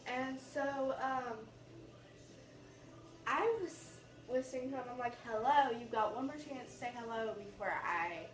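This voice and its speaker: A woman's voice: fairly high pitch, a little slow. A teenage girl with an American accent telling a story casually as a vlogger, animatedly acting out the dialogue as she goes. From United States. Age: teens, about sixteen. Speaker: YouTube vlogger. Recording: roomy echo, distant mic, faint noise.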